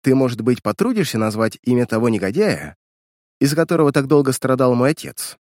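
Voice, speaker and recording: A man's voice: medium pitch, expressive, brisk, darkish tone, no room sound, clean studio sound, close to an everyday voice. A man reading a cool, steely young woman. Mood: stern. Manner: cold and composed. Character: calm, resolute young woman.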